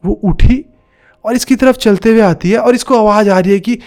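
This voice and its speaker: A man's voice: high voice, normal speed, darkish tone. A man telling a horror story, dramatic and acting out the cries and knocks he describes.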